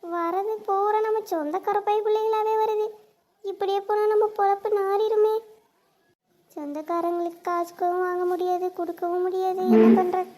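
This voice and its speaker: A woman's voice: very high-pitched, steady tone, normal speed, warm tone. A woman voicing a frazzled young woman running a chicken stall, chatty and complaining, with a southern Tamil Nadu accent. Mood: chatty, grumbling.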